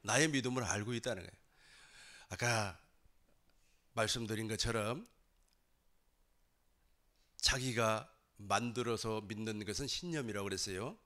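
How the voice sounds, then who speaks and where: Male pastor, sermon, emphatic and dramatic, bright forceful tone. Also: on the low side, normal speed, long pauses. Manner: emphatic, acts out loud pleading cries. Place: church sanctuary.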